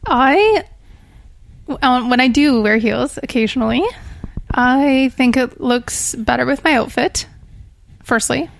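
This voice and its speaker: A woman's voice: high-pitched, slow pace, gravelly, long pauses. A woman speaking casually as a guest in a podcast interview, recorded in a small room. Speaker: podcast guest, personal trainer.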